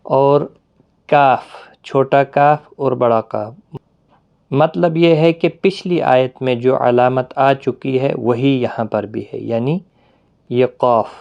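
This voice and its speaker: A man teaching a Quran reading lesson, explaining patiently with pauses and drawn-out fillers. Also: medium pitch, gravelly, darkish tone, lo-fi sound.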